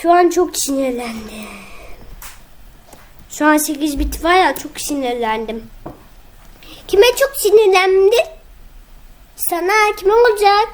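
A young woman, casually commenting on her own gameplay, excitable and whiny when frustrated. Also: extremely high pitch, unhurried, pauses often, slight background noise. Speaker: gaming video host.

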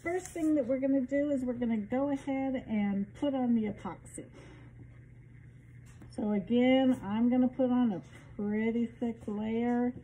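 A woman giving a casual craft demonstration, her voice muffled because she is speaking loudly through a respirator mask. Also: a little high, steady tone, measured pace, slight background noise. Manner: chatty, self-deprecating, speaking loudly. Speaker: craft tutorial maker. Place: home craft area with fans and open windows.

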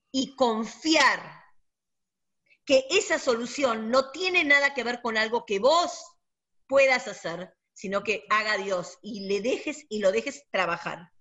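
A woman co-hosting a radio talk, telling stories in an emphatic, animated way. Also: on the high side. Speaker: doctor and radio co-host. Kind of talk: casual spiritual talk. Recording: dull lo-fi audio.

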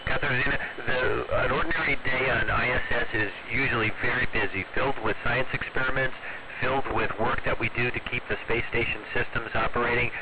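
A man who is an astronaut, answering students calmly over a radio transmission with static bursts and closing each answer with radio procedure words. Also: mid-range voice, a little fast. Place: space station.

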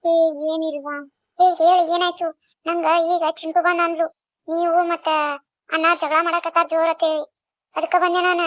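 A woman's voice: extremely high pitch, flat delivery, normal speed, long pauses, dry recording. A woman voicing a caring, bold village neighbor woman in a cartoon, with a North Karnataka Kannada accent. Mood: worried. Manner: consoling, rousing. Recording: dull lo-fi recording.

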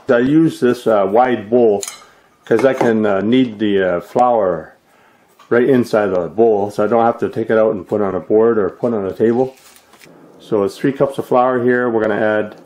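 A man hosting a casual food vlog and cooking demo, speaking easygoing and pausing often with "uh" as he explains. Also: mid-range voice, darkish tone, slight background noise. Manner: easygoing, frequent "uh" pauses while explaining. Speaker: food vlogger.

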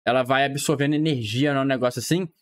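A man's voice: medium pitch, quick pace. A young man with a Brazilian accent making chatty, slangy, casual reaction commentary on a stream. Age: young adult.

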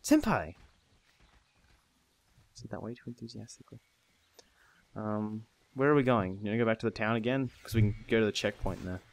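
A man with a fairly low voice carries casual gaming commentary. He swears freely, laughs often and reads the game's text aloud to his friend. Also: steady tone, fast. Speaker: gamer host.

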